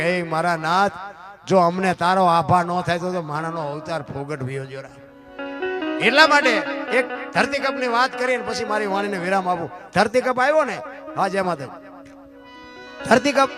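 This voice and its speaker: A man performs a live folk dayro, his voice pitched notably high as he preaches and chants in rhythmic runs. He speaks from a stage into a microphone. Clear accompanying music plays behind him throughout. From Gujarat. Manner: preachy, keeps addressing the crowd as "bapu", rises into loud rhythmic chanted recital. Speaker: folk storyteller. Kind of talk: live folk dayro storytelling with moral talk. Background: loud accompanying music.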